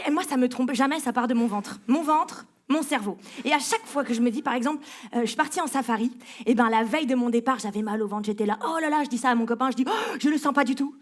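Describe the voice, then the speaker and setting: High-voiced woman doing stand-up. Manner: playful, teasing, mangles words on purpose. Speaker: comedian. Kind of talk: stand-up comedy, talking to a spectator. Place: comedy festival stage.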